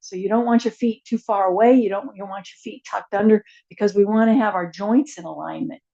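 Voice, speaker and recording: A woman teaching a chair yoga and meditation class, giving gentle, unhurried cues with soft asides. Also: mid-range voice, fairly even intonation, gravelly, lo-fi sound. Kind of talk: guided yoga class instruction.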